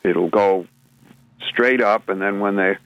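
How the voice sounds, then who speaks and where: A man's voice: fairly low pitch, slow pace, no echo, dull audio. A man co-hosting a radio talk show, explaining the news in a rambling way full of restarts and filler sounds. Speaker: radio show co-host presenting news segments. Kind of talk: casual radio chat.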